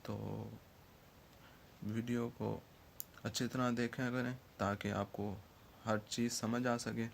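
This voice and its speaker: Patient Quran teacher man, gravelly voice. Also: mid-range voice, little pitch movement, slight background noise. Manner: patient, repeats "theek hai ji" after each point; drawn-out letter sounds. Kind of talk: online lesson.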